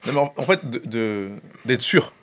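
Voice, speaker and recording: A young film director from the Central African Republic, with a Central African French accent, tells stories as a guest in a casual interview chat, laughing often and stumbling over repeated words. His mid-range voice is animated and moderately paced. There is slight background noise.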